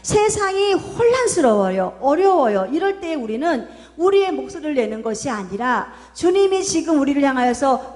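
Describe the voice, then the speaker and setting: A woman pastor delivers a Sunday sermon in a high voice. When she quotes God, her tone drops lower and slows down. Her voice rings out with a long reverb through the church sanctuary. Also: a little mellow. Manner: voices God's words in lower, slower tones.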